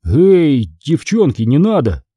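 A man's voice: a little high, sing-song, slow, warm tone, breathy edge, no echo, studio quality, voice pushed up, heavily acted. A man voicing an anxious young man who talks the others through it. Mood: reassuring. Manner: nervous, then reassuring.

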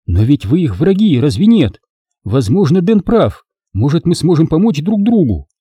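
A man's voice: on the high side, big pitch swings, moderate pace, warm tone, breathy edge, no echo, pitched above the performer's own voice. A male narrator voicing a determined, wary young woman leader in an audiobook. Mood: earnest. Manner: earnest, pressing.

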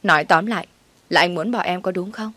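A desperate young mistress in a spoken story, pleading and wailing to hold on to her man, voiced by a woman. The voice is lowish and recorded close and dry. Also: a little fast, sharp tone, no room sound.

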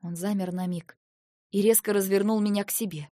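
A woman's voice: mid-range voice, steady tone, brisk, warm tone, no echo, studio quality. A woman narrating a novel in the first person, reading expressively and dramatically. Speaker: audiobook narrator.

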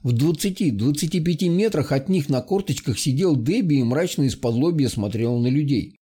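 Husky-voiced man reading an audiobook. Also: on the high side, brisk. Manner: steady storytelling. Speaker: audiobook reader. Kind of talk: scripted narration.

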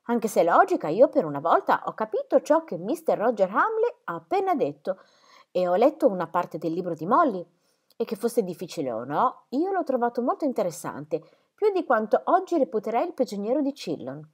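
Woman voicing a witty teasing girl in an audiobook, bouncy lively pitch. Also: slightly rough, full character voice. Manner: playful, quick-witted. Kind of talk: audiobook character reading.

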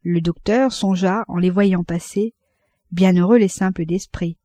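A woman reading a classic novel aloud as audiobook narration, in a measured, unhurried manner. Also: on the low side, fairly even intonation, dark tone, no room sound. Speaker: audiobook reader.

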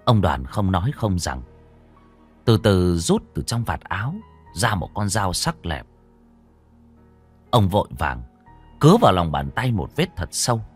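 A man's voice: low voice, very animated, measured pace, long pauses, slightly rough, faint music behind. A man narrating a ghost story with a dramatic, varied delivery.

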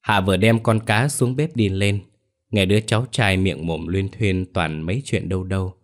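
A male storyteller giving a steady, measured scripted narration of a ghost story. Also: sits low.

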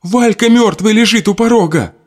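Man voicing a desperate young village woman, high raised voice, shrill pleading. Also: moderate pace.

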